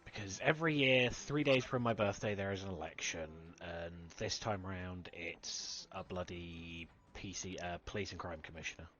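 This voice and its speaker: A man's voice: low voice, normal speed, few pauses, fairly bright tone, muffled recording. A man with a southern English accent, streaming a game and chatting casually, laid-back and swearing often. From southern England. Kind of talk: casual chat while gaming.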